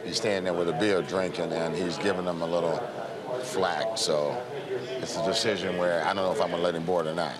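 A man's voice: deep voice, fairly even intonation, brisk, over a noisy crowd. A middle-aged man talking off the cuff as an airline supervisor, explaining a situation. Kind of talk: spontaneous explanatory talk. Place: large indoor airport gate. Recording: airport gate, loud music behind.

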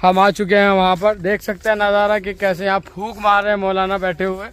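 Holding a phone camera at arm's length, a young vlogger strolls through rural fields and woods, cheerfully narrating and interviewing scout trainees. His high voice is smooth and a bit bright, brisk, and completely flat in delivery.

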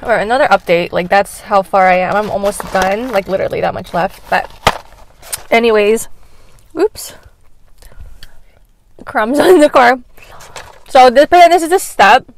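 A woman's voice: mid-range voice, normal speed, long pauses, slight background noise. A young woman chatting casually while eating in her car, full of "like"s and swear words, laughing often. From Canada. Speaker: mukbang vlogger. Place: inside a car, cars passing outside. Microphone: camera in a car.

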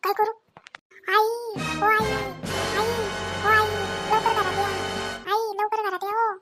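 A woman's voice: very high-pitched, level tone, fast, loud music behind the voice. A woman doing a fretful childless young wife. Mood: panicked. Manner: fretful, mutters to herself. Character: anxious childless young wife, worried and put-upon. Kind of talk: family drama voice acting.

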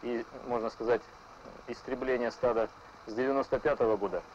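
Male patrol officer, forties, interview delivery, quick pace, slightly noisy muffled recording. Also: mid-range voice, steady tone, darkish tone. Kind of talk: documentary interview. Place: small ship's wheelhouse. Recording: dull sound with faint background noise.

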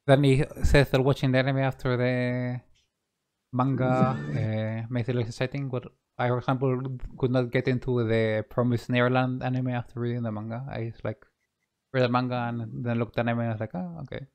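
Smooth-voiced man. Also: medium pitch, little pitch movement, brisk, darkish tone. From Chile. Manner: laid-back, hesitant with many fillers. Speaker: game developer. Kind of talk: casual live-stream chat.

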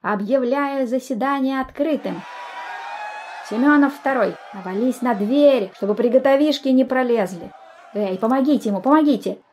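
A woman voicing a bossy schoolboy who chairs a noisy meeting, shouting orders over the crowd. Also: medium pitch, steady tone, normal speed, lightly acted. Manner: shouting over noise, commanding.

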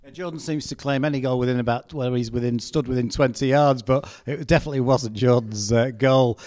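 A man's voice: mid-range voice, fairly even intonation, brisk, darkish tone. A man interviewing a player for a club TV channel after a match, recapping goals in a chatty, commentary-like way. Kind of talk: post-match interview questions.

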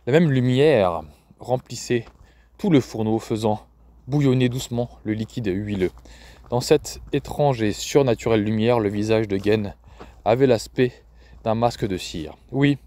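A man's voice: on the low side, a little slow, warm tone. Man reading a novel aloud. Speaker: audiobook reader. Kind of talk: scripted narration.

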